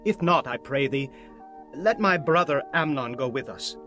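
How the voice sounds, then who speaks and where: An actor playing a resolute, vengeful prince in a dramatized audio Bible, with commanding, archaic formal speech. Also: male voice, medium pitch, lively intonation, normal speed, over music, close to an everyday voice. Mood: courtly persuasion.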